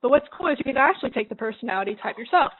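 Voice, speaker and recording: A woman's voice: on the high side, animated, rapid-fire, breathy edge, no room sound. A woman hosting a drawing livestream, chatting casually and laughing often as she works. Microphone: computer mic she adjusts. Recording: narrow phone-like sound.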